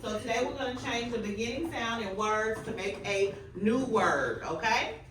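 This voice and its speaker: A woman elementary school teacher leading a phonics lesson in a classroom with quiet, calm authority, firm and instructive. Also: a little high, moderate pace. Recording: distant mic, echoey room, faint noise.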